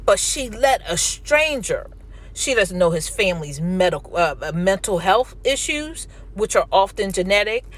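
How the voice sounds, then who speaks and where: At a moderate pace and medium pitch, she speaks in a sing-song lilt with an American accent. Her talk is casual and frank, full of personal stories and strongly put relationship advice aimed straight at the people listening.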